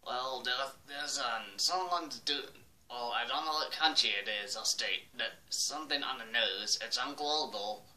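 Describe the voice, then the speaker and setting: A man's voice: mid-range voice, normal speed, sharp tone. A teenage guy doing Bobby, a dopey puppet monster. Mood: dim, cheerful. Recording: noisy, echoey room, distant webcam mic.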